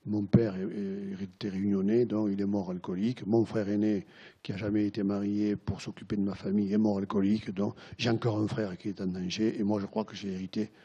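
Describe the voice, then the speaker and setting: A man retelling a worried middle-aged wife's words in his own low voice, confiding and halting, often repeating himself. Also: little pitch movement, mellow, slightly rough, muffled recording. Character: worried middle-aged wife, drinking patient.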